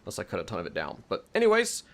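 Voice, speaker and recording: A video host and mod creator demos a game mod in a casual, unscripted tutorial, rambling informally and correcting and second-guessing himself. His low voice swoops wildly in pitch, and he talks very fast.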